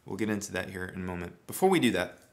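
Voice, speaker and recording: Middle-aged American male Bible teacher, slightly low pitch, earnest emphatic monologue delivery. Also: animated, racing. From United States. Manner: earnest, emphatic, with frequent restarts.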